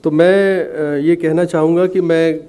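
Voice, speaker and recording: A middle-aged man giving a formal speech at an award ceremony, pausing often with fillers. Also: a little high, steady tone, warm tone, clean tone. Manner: hesitant, many filler sounds, measured. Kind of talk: formal ceremony speech, Hindi mixed with English.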